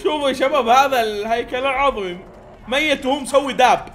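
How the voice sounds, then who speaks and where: A young man with a Hijazi Saudi accent, giving excitable play-by-play commentary to his viewers and breaking into shouts. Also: very high voice, fast, slight background noise. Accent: Saudi Hijazi Arabic. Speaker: gaming YouTuber. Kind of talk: live gameplay commentary.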